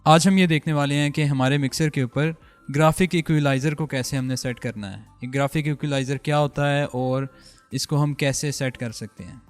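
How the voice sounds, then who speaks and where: A man's voice: a little high, steady tone, clean tone, in a large hall, soft background music. A man hosting an audio tutorial, explaining step by step in a patient way while he adjusts a mixer, talking through a studio microphone.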